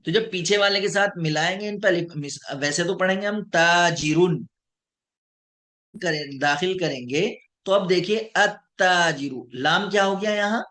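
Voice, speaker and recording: A man teaching an online lesson, slowly drawing out each example word and checking in with his students. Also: high-pitched, bright, forceful tone. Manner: slow, deliberate, drawing out example words; checks in with students, addressed as sir. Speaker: Arabic teacher.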